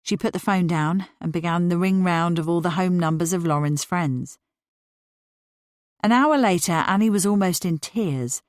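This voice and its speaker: A woman narrates an audiobook in a steady, clear way. Her voice sits somewhat low and the sound is dry and close. The reading keeps an even storytelling pace. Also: moderate pace, dry recording. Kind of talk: scripted narration of a novel.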